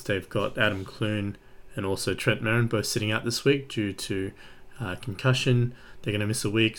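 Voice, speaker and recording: An Australian man hosting a sports podcast, giving casual, conversational commentary in an informal way. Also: lowish voice.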